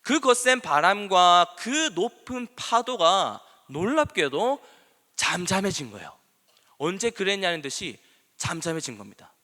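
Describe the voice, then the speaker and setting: A man preaching a sermon in a church, animated and dramatic, acting out the scripture quotes with strong emphasis. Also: high-pitched, unhurried. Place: church sanctuary. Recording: long reverb of a church hall.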